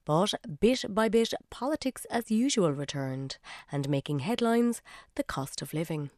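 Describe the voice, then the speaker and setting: A woman presenting a radio news review in scripted narration, measured and wry. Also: fairly low pitch, expressive, darkish tone, no echo, clean studio sound.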